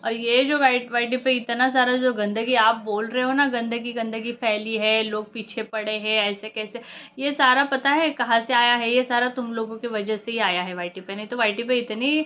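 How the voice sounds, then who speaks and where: A woman with a fairly high voice gives reaction commentary for her vlog. She scolds and mocks the people she is talking to, addressing them directly. The recording is dull and lo-fi. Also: steady tone, moderate pace. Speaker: vlogger.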